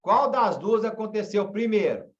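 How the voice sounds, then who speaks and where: Slow, lively Brazilian teacher. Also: male voice, high-pitched, far from the mic. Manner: questioning, repeats example sentences. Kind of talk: online class lesson. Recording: dull, echoey room from afar.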